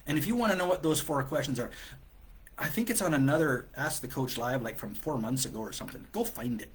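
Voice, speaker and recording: A man hosting a live coaching show, telling a story in an animated, exasperated way with many restarts. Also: mid-range voice, fast, breathy edge. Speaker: business coach and host.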